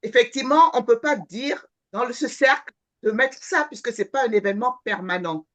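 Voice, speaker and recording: Woman participant mulling things over out loud, halting, lots of pauses. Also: on the high side. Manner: hesitant, searching for words. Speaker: webinar participant. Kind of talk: thinking aloud.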